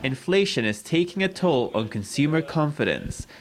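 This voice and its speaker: A man's voice: fairly high pitch, big pitch swings, moderate pace, a little hiss or hum. A man reading scripted news narration.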